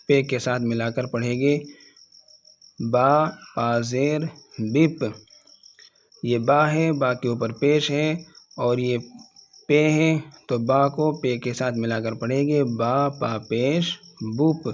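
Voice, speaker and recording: A man gives a patient reading lesson, sounding out each letter and syllable with care. His voice sits at an ordinary middle pitch. He repeats every sound clearly so a beginner can follow. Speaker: Urdu reading teacher.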